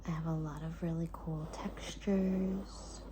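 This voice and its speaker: A woman hosting ASMR in a soft, hushed whisper, speaking in short unhurried phrases with pauses between them. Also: low-pitched, steady tone, heavy background noise. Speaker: ASMR host.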